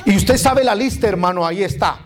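A man's voice: high-pitched, brisk. A man preaching a sermon, reading Bible verses aloud and calling on the congregation to repeat after him, often saying "brother" and "look". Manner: calls on the congregation to repeat phrases; keeps saying "hermano" and "mire".

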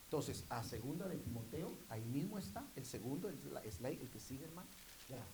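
A man preaching a sermon to his congregation, repeatedly calling out to them and rising into loud, emphatic bursts. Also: mid-range voice, lively intonation, fairly quick, background noise.

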